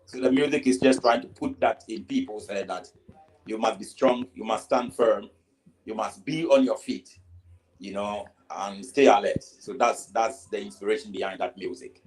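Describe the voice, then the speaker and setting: A man's voice: lowish voice, normal speed, poor audio. A Ghanaian man with a Ghanaian accent, a reggae artist answering interview questions in a casual way, often saying "you know" and stumbling over repeated words.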